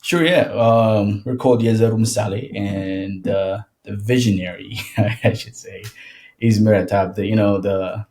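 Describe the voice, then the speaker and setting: This casual conversational interview features a young male podcast guest from Ethiopia who sings worship music. Relaxed and meandering, he restarts frequently and laughs a lot, speaking in a lowish voice at a measured pace.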